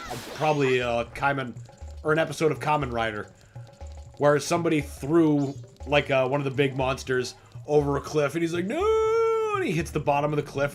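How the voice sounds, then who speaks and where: A man hosting a gaming livestream, chatting casually and playfully and laughing often as he plays. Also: a little high. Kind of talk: casual gameplay commentary.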